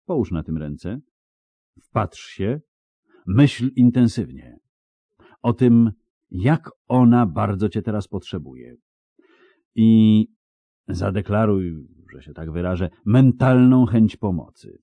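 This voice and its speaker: A man voicing a calm, measured elf sage from an audiobook. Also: fairly low pitch, no echo, dull audio, heavily acted. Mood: calm guiding.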